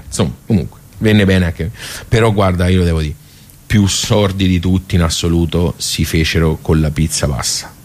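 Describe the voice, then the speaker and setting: In a colloquial radio theatre monologue, a nostalgic regular of a village club looks back on the past in a low-pitched male voice with a Tuscan accent. He's chatty and folksy, drifting into digressions along the way.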